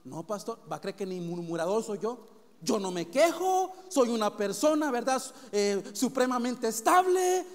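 A man's voice: very high-pitched, sing-song, moderate pace, exaggerated voice. A man voicing a smug, self-righteous male churchgoer who boastfully protests his innocence. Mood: defensive. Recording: long hall reverb.

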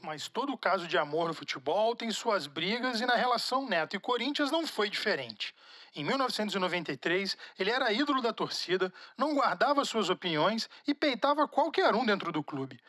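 A man reading scripted sports documentary narration in an animated presenter's delivery. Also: high-pitched, brisk, no echo.

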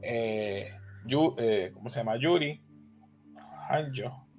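A man, co-hosting a casual anime discussion, talking in an excitable, rambling way and dropping in English words. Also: mid-range voice, takes it slowly, a little hiss or hum. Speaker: co-host.

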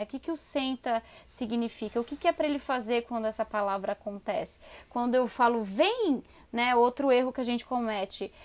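A woman, a dog trainer explaining commands in a chatty, animated way. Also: sits high. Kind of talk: casual explanatory talk.

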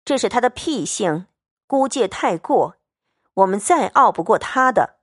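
A woman reading the part of a proud, sharp-tongued young noblewoman who speaks with biting sarcasm in a storybook reading. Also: medium pitch, expressive, unhurried, no room sound, studio quality. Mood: cutting.

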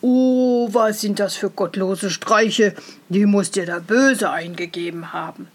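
A woman's voice: mid-range voice, expressive, slow pace, gravelly, slightly rough, full character voice. A woman voicing a worried, stern old peasant father in a fairy tale reading, weary and scolding. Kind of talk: storybook reading.

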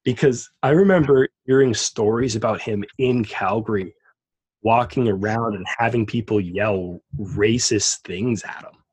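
A man's voice: on the low side, a little slow, darkish tone, breathy edge, muffled recording. A man co-hosting a podcast, chatting casually and enthusiastically about wrestling. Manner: enthusiastic, rambling with restarts. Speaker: podcast co-host.

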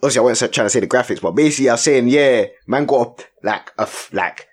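A young man with a London accent tells a story in casual conversation, talking fast in a mid-range voice. His speech is packed with street slang and tag questions.

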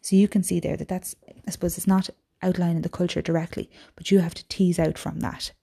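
A woman's voice: lowish voice, flat delivery, fairly quick, gravelly, mellow, breathy edge. A woman teacher reading a novel aloud and breaking off for informal explanatory asides to her class.

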